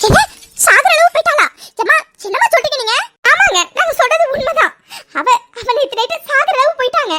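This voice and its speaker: A woman's voice: extremely high pitch, animated, fairly quick, bright, forceful tone, pitched above the performer's own voice, exaggerated voice. A woman voicing a tearful mother who pleads and stammers as she begs another family to accept her daughter's marriage. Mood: pleading.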